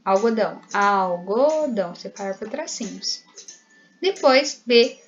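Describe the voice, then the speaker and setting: Patient Brazilian schoolteacher, lo-fi. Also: female voice, fairly high pitch, moderate pace. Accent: Brazilian Portuguese. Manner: patient, explains step by step and often checks in with "né?" and "certo?". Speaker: primary school teacher. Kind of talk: recorded remote lesson, correcting exercises.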